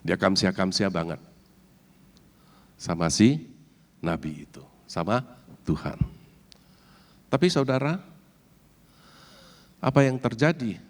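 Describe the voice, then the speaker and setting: Male church elder, low voice, animated sermon delivery, reverberant hall. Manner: animated, mixes in English words, addresses congregation directly.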